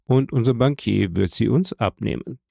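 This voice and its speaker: A man voicing a cool, indifferent bandit jailer in an audiobook, calm and mockingly polite. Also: medium pitch, normal speed, vocal fry, dry recording, studio quality. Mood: deadpan. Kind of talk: audiobook character voice.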